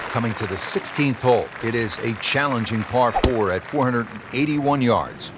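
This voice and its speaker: A man's voice: medium pitch, normal speed, lightly acted. Man acting as a golf commentator over crowd noise. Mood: measured, admiring. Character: male TV golf commentator calling a tournament. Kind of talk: golf commentary, scripted game broadcast. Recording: loud crowd and outdoor ambience behind. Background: golf crowd ambience.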